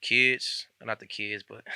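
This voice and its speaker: A man's voice: fairly low pitch, level tone, slow, sharp tone, clean tone, no echo. A young man from Indianapolis hosting a casual interview, laid-back and slangy with lots of fillers. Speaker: podcast host.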